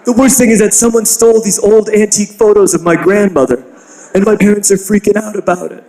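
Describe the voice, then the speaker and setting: A man's voice: sits high, fairly even intonation, brisk, darkish tone, echoey room, pitched above the performer's own voice, poor audio. A man doing a worried teenage boy. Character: worried teenage boy, high school sophomore.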